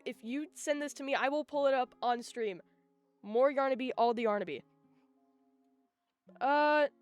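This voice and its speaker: A young woman streaming live, chatting casually in an excitable, giggly, rambling way. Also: a little high. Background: faint music.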